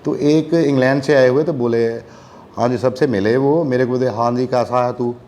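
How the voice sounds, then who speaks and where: Young man, warm mellow voice, animated storytelling, quiet background noise. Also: mid-range voice, moderate pace. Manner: animated, acts out voices in quotes. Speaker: guest musician. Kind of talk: storytelling in casual chat.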